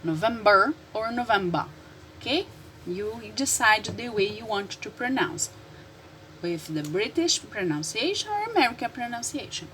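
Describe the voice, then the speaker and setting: A woman teacher with a Brazilian Portuguese accent, a native Portuguese speaker, explaining English words slowly and repeating them for her learners. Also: on the high side, big pitch swings, a bit bright, slight background noise, rough recording. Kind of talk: classroom lesson explaining vocabulary.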